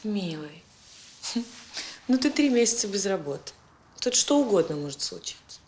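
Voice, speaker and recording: An actress playing a defensive, quick-tongued wife in a TV drama, brushing off questions. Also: female voice, mid-range voice, sing-song, a little mellow, slight background noise, lightly acted. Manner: fast, dismissive, mixing two languages. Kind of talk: TV drama acting.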